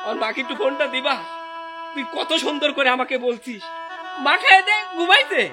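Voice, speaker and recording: A man playing a grief-stricken son in a melodramatic drama, his voice high and swooping with emotion. He pleads and cries out, then scolds harshly, with music playing clearly beneath him. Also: animated, brisk. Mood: furious. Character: anguished son, angry at his wife. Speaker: son working abroad. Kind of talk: melodramatic short drama acting. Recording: music underneath.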